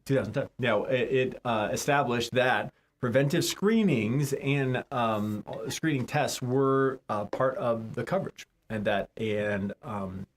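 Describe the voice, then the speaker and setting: A man from California, a doctor co-hosting a live medical talk show, joking in quick asides between explanations. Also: mid-range voice, slight background noise. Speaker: doctor co-host.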